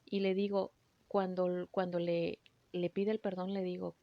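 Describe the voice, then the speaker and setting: A woman's voice: on the low side, little pitch movement, dry recording. Earnest woman, dull dry recording. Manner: earnest, emotional, halting with restarts. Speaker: spiritual healer recounting a session. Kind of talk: personal storytelling.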